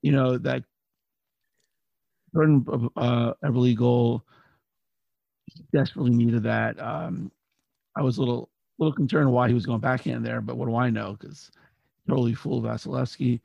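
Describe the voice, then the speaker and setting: A middle-aged man with a hoarse, partly lost voice, chatting casually about sports as a longtime fan on a podcast. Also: medium pitch, fairly even intonation, moderate pace, long pauses. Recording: dull lo-fi audio, roomy echo.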